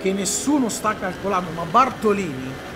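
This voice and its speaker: High-pitched, excitable male race commentator. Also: moderate pace. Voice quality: strained, tired voice. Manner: excitable, repeats words and phrases. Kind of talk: live motorcycle race commentary. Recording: loud engine and vehicle noise. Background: trackside motorcycle noise.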